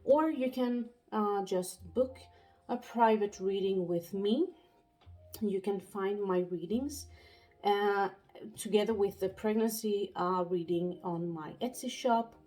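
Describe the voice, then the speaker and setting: Breathless young woman, pregnant, halting tarot reader, casual monologue. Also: medium pitch, a little mellow. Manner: halting, many fillers and restarts.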